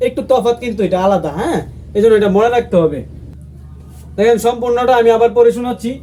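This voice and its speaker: A man from Bangladesh teaching a language lesson, slowly and patiently repeating each sound for his viewers. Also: extremely high pitch, dark tone. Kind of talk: lesson explaining how to say letters.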